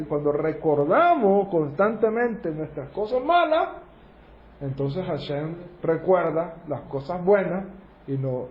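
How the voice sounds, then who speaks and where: High-voiced man teaching in an echoey room. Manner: asks rhetorical questions and checks understanding with "¿ok?". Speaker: teacher of a Torah study group. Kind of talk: sermon-style teaching with audience questions. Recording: roomy, dull lo-fi sound.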